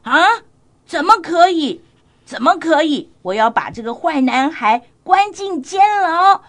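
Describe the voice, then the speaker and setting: A woman's voice: sits high, sing-song, unhurried, exaggerated voice. A woman voicing a bossy, hot-tempered male king in a children's storybook tale, with a commanding, blustering manner. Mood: angry.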